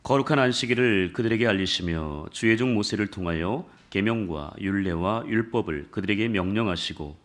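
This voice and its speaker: A man's voice: fairly low pitch, brisk, few pauses. A man pastor leading scripture reading, then preaching a sermon with jokes, questions to the congregation and rising emphasis. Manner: builds from calm scripture reading to emphatic exhortation.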